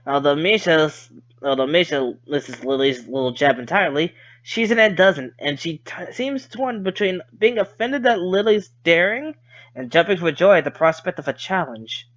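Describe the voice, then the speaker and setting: A man's voice: on the high side, animated, normal speed, a bit bright, highs cut off. A man reading a visual novel aloud as a streamer, casual and conversational, cursing at his slips and rereading lines.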